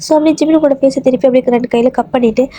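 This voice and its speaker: A woman's voice: high-pitched, steady tone, racing, warm tone, slight background noise. A young woman narrating a romantic fan fiction story in the second person, acting out both sides of a lovers' quarrel.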